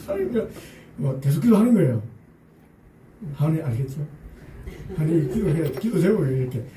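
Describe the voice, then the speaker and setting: Animated man preaching in an echoey church. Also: fairly high pitch, brisk, a little hiss or hum. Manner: animated, acts out pleading prayers, chuckles with the congregation. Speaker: pastor. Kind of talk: sermon. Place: church sanctuary. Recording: roomy church sound from a distance.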